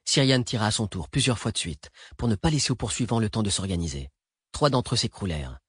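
A man narrating an action thriller audiobook in a steady, even read. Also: fairly low pitch, quick pace, slightly rough, no room sound. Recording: dry close recording.

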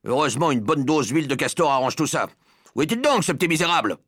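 A man's voice: fast talker, breathy edge, no room sound, clean studio sound. A man voicing a rude, blustering father who raises his voice in indignation. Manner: loud, indignant, raised high voice. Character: rude, blustering middle-aged father with mustache.

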